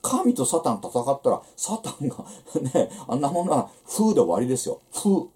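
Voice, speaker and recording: A man's voice: mid-range voice, big pitch swings, normal speed, darkish tone. A man giving a church seminar lecture on the Bible, teaching in a conversational way with rhetorical asides.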